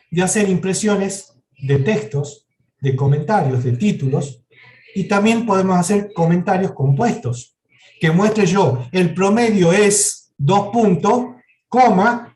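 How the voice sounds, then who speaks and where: A man's voice: high voice, a little mellow. A man teaching a university programming class, explaining step by step and often checking in with the students. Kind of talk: live lecture with software demo. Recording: echoey classroom recording.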